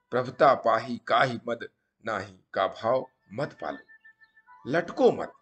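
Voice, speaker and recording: An earnest man from India narrates a motivational story, leaning hard on key words in a measured, steady delivery. His voice sits at an ordinary middle pitch. Soft music plays faintly underneath. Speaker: storyteller and channel host.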